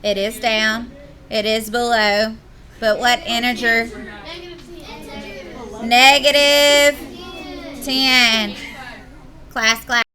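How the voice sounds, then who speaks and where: A woman's voice: on the high side, level tone, a little slow, bright, forceful tone. A woman teacher, leading a classroom math lesson and playfully teasing her students.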